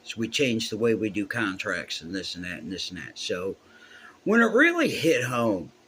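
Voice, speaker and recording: A man's voice: fairly low pitch, big pitch swings, moderate pace, a bit bright, slight background noise. A man, a musician telling a heartfelt, profane story in a casual way.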